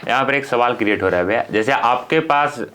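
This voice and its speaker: A man's voice: medium pitch, fairly quick, a bit bright. A man hosting a casual podcast, asking respectful questions. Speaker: podcast host.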